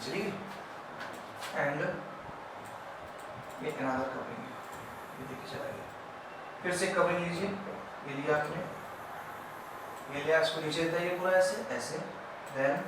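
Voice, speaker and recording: A man teaches a lesson, loud while explaining and quiet while he draws, and keeps checking that it is clear. His voice sits a little high. He is recorded from a distance in a very echoey room with faint hiss behind. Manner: explains step by step, asks "clear?" often. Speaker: biology teacher. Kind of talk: classroom lesson at a board.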